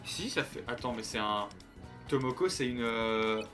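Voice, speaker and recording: A young Frenchman streams a game, chatting with his viewers in a joking, rambling way and often restarting his sentences, with light game music behind him. His voice sits at medium pitch and sounds animated, bright and forceful, though his pace stays measured.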